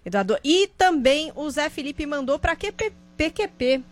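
Brisk woman co-host asking questions. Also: high voice, sing-song. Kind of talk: reading viewer questions on a live show.

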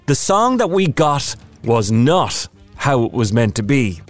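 A man's voice: mid-range voice, sing-song, a little slow, faint music behind. A man hosting a podcast, chatty and casual, with rambling asides. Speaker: podcast host. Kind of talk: casual chat.

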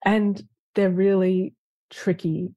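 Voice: mid-range voice, flat delivery, slow, mellow, dry recording. A government lawyer, a guest in an interview, answering in a reflective and earnest way with frequent fillers.

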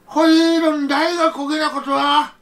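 A man voicing a kind, poor old grandfather from a folktale, speaking gently and humbly with a Kagoshima accent. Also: extremely high pitch, unhurried, far from the mic, voice pushed up, exaggerated voice. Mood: humble, kindly.

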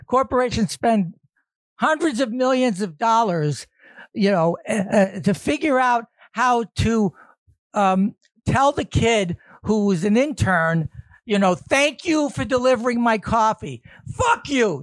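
A middle-aged man hosts a casual chat, rambling gruffly and swearing as he tells his stories. His voice is recorded close and dry, with no room sound. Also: extremely high pitch, expressive, unhurried, no room sound. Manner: gruff, rambling storytelling with profanity.

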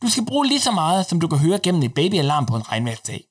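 A man narrating a recipe in a deadpan, instructional manner. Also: a little high.

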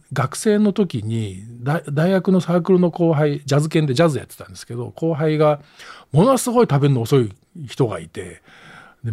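A man's voice: fairly high pitch, gravelly, a little mellow, breathy edge, dry recording, clean studio sound. A man with an Osaka accent hosting a casual solo podcast, reading listener stories aloud with chuckling, self-deprecating asides and plenty of fillers. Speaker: podcast host.

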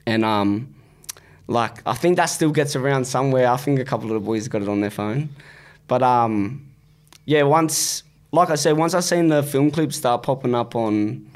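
A man with an Australian accent chatting casually as an interview guest, blunt and animated, with heavy slang and swearing. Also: mid-range voice, moderate pace. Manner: blunt, animated storytelling with repeated "bro" and "like".

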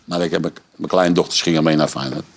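A man's voice: rumbling low, steady tone, fast talker. An older man, a football pundit, telling blunt, colloquial stories in a casual podcast chat.

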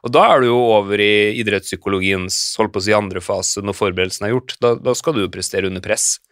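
A man in his thirties talks things through in casual conversation, pausing often as he reflects. His voice sits on the low side. The sound is dry and close, with no room around it. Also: fairly bright tone, no room sound. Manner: reflective, hesitant with frequent fillers. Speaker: podcast guest.

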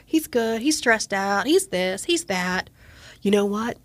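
A woman's voice: medium pitch, expressive, slow pace, a bit bright, dry recording. A woman in her forties co-hosting a podcast, chatting casually and telling a story while acting out the quoted voices. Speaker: podcast co-host. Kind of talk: casual chat.

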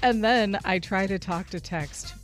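A woman's voice: medium pitch, unhurried, faint music behind. A woman co-hosting a morning radio show, chatting and reading news stories in a conversational way, laughing easily. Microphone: studio microphone.

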